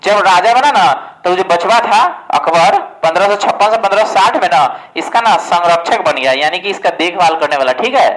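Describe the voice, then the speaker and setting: A man's voice: sits high, a little fast, a bit bright, poor audio. A man giving a casual exam-prep history lesson, asking questions and answering them himself. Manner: asks questions and answers them himself, often says "ठीक है". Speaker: exam coaching teacher.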